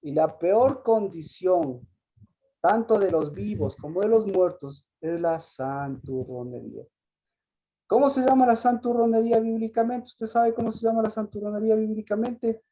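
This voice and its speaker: A woman leads a Sabbath Bible lesson in a warm, mellow voice of middle pitch. She keeps asking her listeners questions, restarts her phrases and clears her throat now and then. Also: moderate pace. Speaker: Bible teacher.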